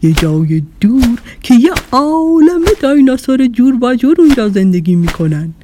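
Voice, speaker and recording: Woman doing a booming, boastful dinosaur. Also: sing-song, a little hiss or hum. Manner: slow, loud and booming, proud. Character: big boastful friendly male dinosaur. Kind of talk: children's audio story.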